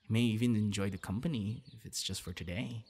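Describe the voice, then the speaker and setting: Speaking briskly in a fairly low, darkish voice, a young man plays a friendly guy who coaxes the listener through an ASMR audio roleplay. He's earnest, talking one-sidedly, and punctuates his lines with sighs and breathy reactions.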